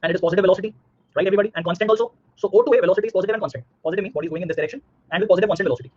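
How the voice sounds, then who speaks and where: A man's voice: high-pitched, rapid-fire, darkish tone. A man in his thirties with an Indian accent teaching a live online physics class, repeating himself and checking understanding with questions, slightly muffled.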